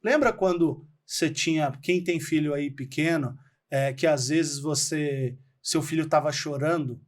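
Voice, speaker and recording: A Brazilian man with a fairly high voice talks as a podcast guest. He explains his ideas in an animated way and slips into quick bits of acted-out dialogue. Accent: Brazilian Portuguese. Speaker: podcast guest, real estate trainer. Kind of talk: casual podcast conversation.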